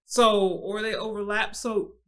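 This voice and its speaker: A woman in her thirties co-hosting a podcast in casual chat, animated and quick to laugh. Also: mid-range voice. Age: 30s. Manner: animated, laughs often, slips into playful impressions. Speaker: podcast co-host.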